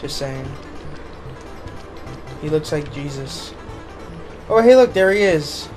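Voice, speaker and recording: A young man chatting crudely while playing a video game with friends in a living room, taunting and shouting mock insults. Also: on the high side, expressive, takes it slowly, over music. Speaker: let's play co-host. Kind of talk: casual gaming chat.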